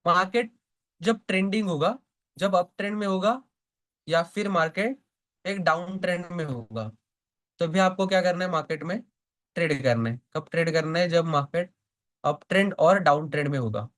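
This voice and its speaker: A man with a high, slightly bright voice teaches a live online stock trading class at normal speed. He repeatedly poses questions to the class, answers them himself, and often checks that everyone is following.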